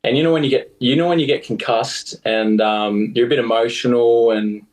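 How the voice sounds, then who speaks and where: A man's voice: mid-range voice, fairly even intonation, moderate pace, rough recording. Young Australian man telling rambling stories. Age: young adult. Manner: rambling, lots of fillers and laughs. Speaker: guest rugby player. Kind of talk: casual storytelling.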